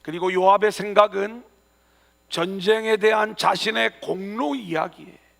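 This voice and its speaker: Male pastor, earnest sermon delivery, very high and gravelly, church hall reverb. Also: unhurried, fairly bright tone. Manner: earnest preaching with emphatic rising phrases. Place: church sanctuary.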